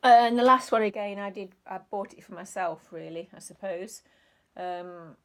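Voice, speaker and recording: A woman's voice: mid-range voice, normal speed, a bit bright. A woman chatting casually about her resale finds, rambling and hesitant with many ums. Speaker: reseller vlogger. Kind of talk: casual chat.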